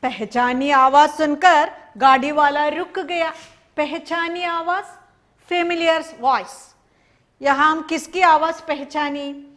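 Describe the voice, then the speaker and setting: A woman teacher giving a recorded Hindi class, explaining a story slowly and asking and answering her own questions. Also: sits high, steady tone, a bit bright. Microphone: recorded for an online class video.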